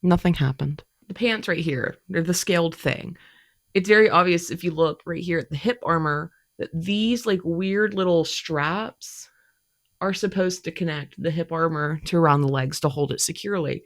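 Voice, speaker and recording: A woman's voice: lowish voice, normal speed. Young woman, stuffy allergy voice, chatty and self-mocking, casual vlog ramble. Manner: chatty, self-deprecating, thinks aloud. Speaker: cosplay vlogger. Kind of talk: rambling casual talk to camera.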